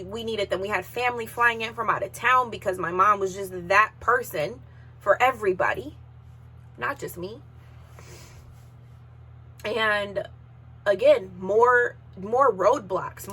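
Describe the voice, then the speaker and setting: A woman's voice: mid-range voice, sharp tone, breathy edge. A woman in her thirties hosting a podcast, telling a personal story in an emotional, sometimes tearful way while holding back tears. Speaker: podcast host.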